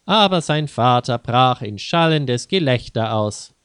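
Guy calmly reading a kids' story, slow, crisp voice, dry close mic. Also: mid-range voice, no room sound. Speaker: narrator. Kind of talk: reading a children's story aloud.

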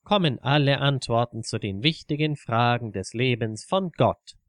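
A man reading a calm, earnest Ali. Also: medium pitch, moderate pace, no echo, studio quality, lightly acted.

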